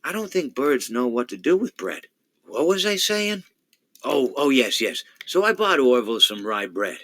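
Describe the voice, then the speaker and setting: A man's voice: mid-range voice, very animated, normal speed, a bit bright. An actor playing a rambling, long-winded male hippo animatronic in a video game, stammering, repeating his words and drifting off into digressions. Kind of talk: video game character monologue.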